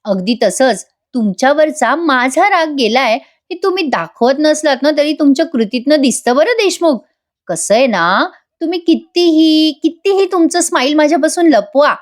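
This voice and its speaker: A tender young wife from a TV serial, put on by a woman narrator, teasing her husband in a sing-song lilt. The voice sits a touch higher than usual and stays affectionate and playful. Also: lively intonation, moderate pace.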